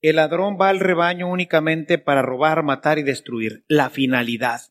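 Male priest, sermon, rhetorical questions, slightly high voice. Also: fairly even intonation, moderate pace, a bit bright.

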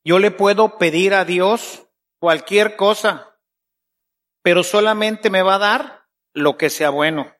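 A high-pitched man delivers a sermon at an unhurried pace. He slips into playful voices to act out prayers and then settles back into teaching. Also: fairly bright tone. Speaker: preacher.

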